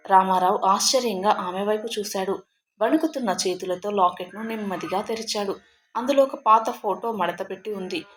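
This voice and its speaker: A woman narrating a scripted emotional story in a calm, measured way. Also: medium pitch, a little hiss or hum.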